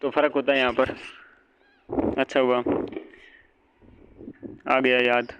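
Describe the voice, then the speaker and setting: A man's voice: medium pitch, flat delivery, takes it slowly, noisy background. A male teacher giving an exam-prep lecture, asking and answering his own questions and repeating each point. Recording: dull lo-fi audio.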